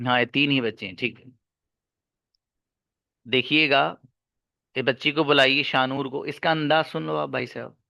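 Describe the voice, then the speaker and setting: A man's voice: medium pitch, steady tone, normal speed, gravelly, long pauses, bright, forceful tone, no room sound, clean studio sound. A man teaching an online class, talking emphatically and calling his listeners brother. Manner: emphatic, addresses listeners as brother, switches into Arabic and English examples. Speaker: English teacher.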